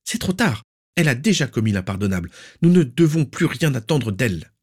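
A man's voice: on the high side, expressive, moderate pace, darkish tone, pitched above the performer's own voice, natural voice. A man voicing a cold, implacable aristocratic aunt who accuses and scorns in an icy, unemotional tone.

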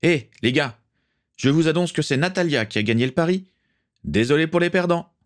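A man's voice: medium pitch, sing-song, moderate pace, a little mellow, lightly acted. A man voicing a boisterous crewman who gleefully announces results to the crew. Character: boisterous man keeping a betting ledger.

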